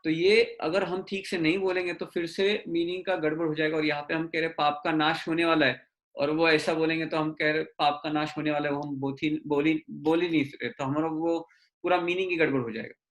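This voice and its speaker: A man teaching an online class, mixing English into Hindi and slowly drawing out syllables to correct pronunciation. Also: on the high side, flat delivery, a bit bright. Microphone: video call.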